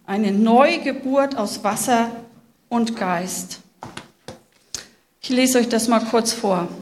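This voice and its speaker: A woman's voice: fairly high pitch, slight background noise. A woman giving a sermon, telling a story expressively and reading Bible passages aloud to her listeners. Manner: slow, expressive, speaks to listeners directly. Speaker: preacher.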